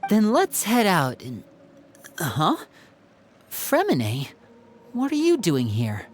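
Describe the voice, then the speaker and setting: A man voicing a confident, friendly young older-brother figure in a video game, articulate and gently probing. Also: sits high, wildly swooping pitch, slow pace, background noise, exaggerated voice.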